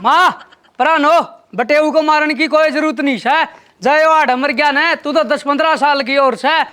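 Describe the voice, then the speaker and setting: Guy doing a haryanvi village brother-in-law, really high voice, blunt and scheming, bit of noise behind. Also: normal speed, pushed and bright. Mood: exasperated. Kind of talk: village comedy sketch acting.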